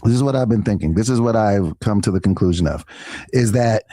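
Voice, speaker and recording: A man's voice: lowish voice, a little fast, dark tone, dry recording, studio quality. A man speaking reflectively and plainly as a guest in a casual interview.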